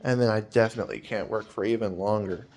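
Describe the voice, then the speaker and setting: A man's voice: on the low side, fairly even intonation, fast talker, darkish tone. A man in his twenties talking in a personal vlog, hesitant and rambling with many fillers, sounding weary and anxious. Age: 20s.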